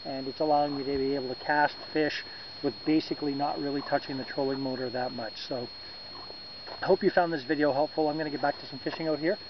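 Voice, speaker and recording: A man in his thirties hosts a fishing vlog from a boat on a lake, relaxed and explanatory, gesturing as he talks to a tripod camera a few meters away. He speaks fast with a fairly high pitch, using some fillers and self-corrections. The camera audio is dull and lo-fi, with wind noise.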